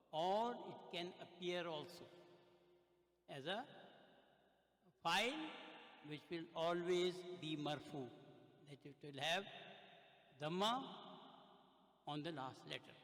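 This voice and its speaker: Older guy teaching arabic grammar, high voice, reads a phrase then explains it, echoey room. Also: fairly bright tone. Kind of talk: recorded grammar lesson. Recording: roomy, echoey room with a long reverb.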